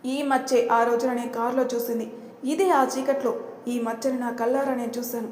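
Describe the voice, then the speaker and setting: A woman voicing a young bride who has been deceived, speaking in loud accusing outbursts. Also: on the high side, little pitch movement, moderate pace, slight background noise, natural voice. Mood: furious. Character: young woman, betrayed bride, fierce and tearful. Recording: roomy echo.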